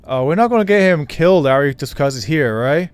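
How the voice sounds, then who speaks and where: A man's voice: on the high side, lively intonation, a little fast, clear, resonant tone, soft background music. A man doing casual game playthrough commentary, muttering joking asides with some swearing. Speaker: gameplay commentator.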